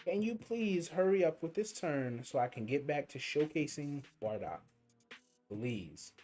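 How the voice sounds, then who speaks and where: A young man with a fairly high, slightly mellow voice and lively intonation livestreams a mobile game, speaking a little slowly. His commentary is casual and slangy, rambling as he thinks aloud over faint game music.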